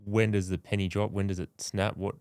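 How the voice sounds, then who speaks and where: A man hosting a podcast, asking short, gentle questions. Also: fairly low pitch, little pitch movement, fairly quick, smooth, dry recording, studio quality. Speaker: podcast host. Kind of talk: interview questions.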